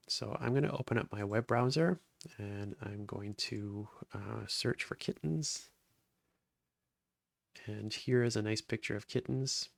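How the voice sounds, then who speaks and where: A man's voice: on the low side, gravelly, no room sound. A man giving a step-by-step lesson while recording his screen, explaining each step plainly. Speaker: instructor. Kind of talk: screen-recorded coding tutorial.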